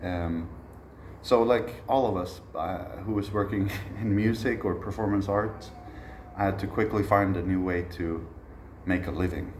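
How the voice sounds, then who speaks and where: This low-voiced musician, thirties and originally Swedish, reflects aloud through a masterclass delivered as a casual spoken lecture. He takes his time and stays relaxed, pausing often with "uh." Faint hiss sits under a noticeably echoey room.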